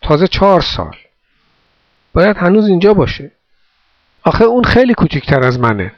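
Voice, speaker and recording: A man's voice: high voice, big pitch swings, dry recording, pitched above the performer's own voice. A man reading a story voices a small, tired boy who speaks earnestly and pleadingly. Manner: earnest, pleading childlike delivery. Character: small war-orphaned boy, worn out, watchful. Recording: dull dry recording.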